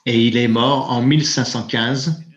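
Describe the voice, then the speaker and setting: A man giving a live interpretation of a Buddhist teaching, halting and correcting himself as he searches for words. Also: mid-range voice, steady tone. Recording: roomy, dull lo-fi sound.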